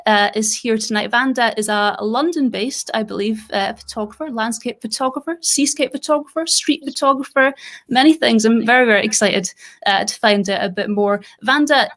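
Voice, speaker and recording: A woman's voice: on the high side, normal speed, a bit bright. A woman hosting a live stream interview, upbeat and welcoming as she introduces her guest. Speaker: host.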